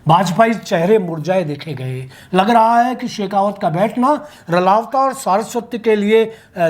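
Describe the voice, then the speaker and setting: Speaking at medium pitch, a local news commentator reads an opinionated political commentary from a script, full of vivid turns of phrase.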